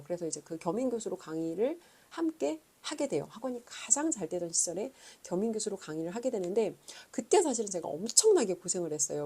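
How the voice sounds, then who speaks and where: A woman in her thirties, a reading coach, telling her own story in an earnest, thoughtful way with frequent pauses. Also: medium pitch, mellow, husky. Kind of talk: reflective personal talk.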